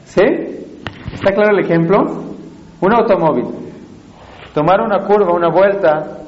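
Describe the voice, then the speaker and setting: High-voiced man lecturing a class. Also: moderate pace, slight background noise. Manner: explains step by step and checks in with frequent questions to listeners. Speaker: teacher. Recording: roomy, dull lo-fi recording.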